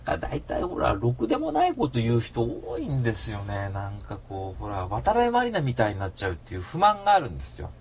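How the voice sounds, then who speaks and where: A man's voice: medium pitch, wildly swooping pitch, fast talker, few pauses, slight background noise. A man hosting an internet radio show alone, telling rambling anecdotes and acting out the people he quotes. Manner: rambling anecdotal storytelling, acts out quoted voices. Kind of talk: casual solo radio monologue.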